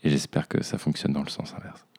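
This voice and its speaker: A man's voice: very deep voice, monotone, a little fast, gravelly, darkish tone. A young man hosting a podcast, speaking in a reflective personal monologue and talking to himself as "tu". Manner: introspective, addresses himself as "tu". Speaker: podcast host.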